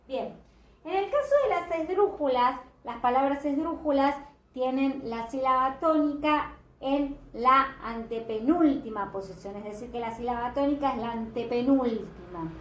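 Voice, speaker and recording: A woman teaching a grammar lesson patiently, slowing down to stress example words. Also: high-pitched, fairly bright tone. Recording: echoey room with background noise.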